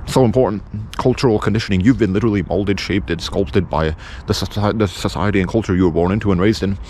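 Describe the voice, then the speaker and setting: A man's voice: on the low side, quick pace, darkish tone, slight background noise. A man from England with a British accent giving an unscripted opinion monologue in an insistent, blunt, repetitive manner. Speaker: video presenter.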